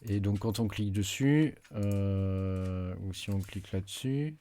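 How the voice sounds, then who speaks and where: In a low, dark, unhurried voice, a man talks through a casual screen-recorded tutorial at his desk mic. He's a tech YouTuber, hesitant as he clicks through menus and using lots of fillers.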